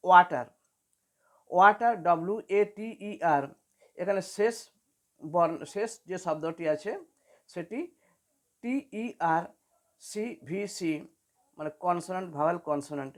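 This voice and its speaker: Woman patiently spelling out English words. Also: medium pitch. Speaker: English teacher. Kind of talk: spelling lesson for beginners.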